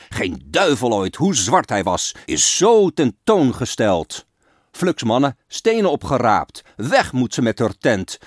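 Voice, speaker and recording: A man voicing an angry mob of fairgoers, shouting in outrage. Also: on the high side, dry recording, studio quality, voice pushed up, full character voice.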